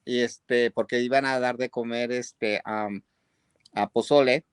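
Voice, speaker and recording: A man's voice: medium pitch, steady tone, slow, clean tone, no room sound, clean studio sound. Chatty man hosting an interview. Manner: chatty storyteller with many "este" fillers. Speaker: host. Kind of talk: casual interview talk.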